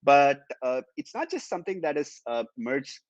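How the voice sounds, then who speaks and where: Presenting a business webinar, a Tamil-speaking male executive explains things hesitantly, filling gaps with ums and uhs. His mid-range voice is very animated at a moderate pace, and the recording is dry and muffled.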